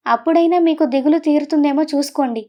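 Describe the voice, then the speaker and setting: Woman voicing an angry shouting grown son. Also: high voice, quick pace, lo-fi sound, close to an everyday voice. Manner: shouting, harsh.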